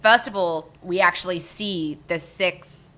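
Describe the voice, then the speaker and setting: A woman co-hosting a casual book podcast, animated and quick to laugh. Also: fairly low pitch. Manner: animated, laughs often, bursts into shouting. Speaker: podcast co-host.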